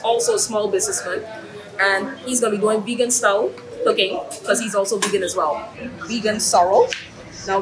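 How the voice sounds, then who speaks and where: A woman with a Barbadian accent speaks through a face mask as she guides a food tour. She explains patiently and clearly, at an ordinary middle pitch. Music plays clearly behind her voice. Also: rough recording.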